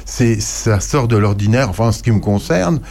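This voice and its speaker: A man co-hosting a local radio show, talking about a book with enthusiasm and reading passages aloud, with a halting, filler-filled delivery. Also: on the low side, expressive, darkish tone. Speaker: radio co-host.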